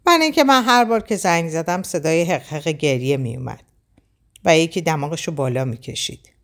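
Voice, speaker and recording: A woman reading a gentle, devoted young man. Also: sits low, animated. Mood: knowing. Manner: soft, reassuring lines.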